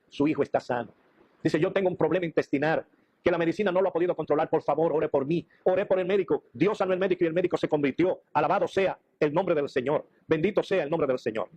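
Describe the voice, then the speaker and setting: Fervent, husky-voiced male pastor. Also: fairly high pitch, a little mellow, lo-fi sound. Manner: fervent storytelling, acting out quoted speech. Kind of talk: sermon testimony.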